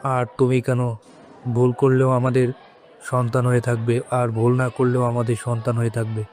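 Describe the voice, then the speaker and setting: A man voicing a gentle, loving middle-aged father in an audio story. He speaks softly and tenderly. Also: mid-range voice, monotone, normal speed, some chatter behind, close to an everyday voice. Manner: soft and tender.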